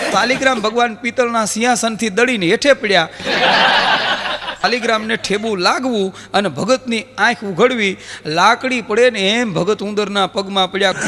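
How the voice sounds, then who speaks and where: A man's voice: high-pitched, long reverb tail. A middle-aged man, a folk comedian telling jokes live on stage and acting out other people's lines. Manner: lively storyteller who acts out other people's lines. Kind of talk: live stand-up storytelling with jokes. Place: live stage show with audience laughter. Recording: loud background noise.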